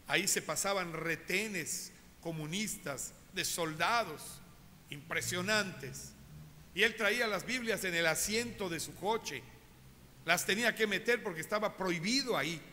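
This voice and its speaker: Male pastor, animated storyteller, high bright voice, echoing church. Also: measured pace, slight background noise. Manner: animated storytelling, addresses congregation directly. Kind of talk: sermon. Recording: reverberant church hall.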